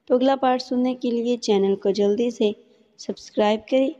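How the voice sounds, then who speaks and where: Mellow-voiced woman reading a novel aloud. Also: fairly high pitch, steady tone. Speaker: storyteller, channel host. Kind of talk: scripted audio novel narration. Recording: dull lo-fi audio with long reverb.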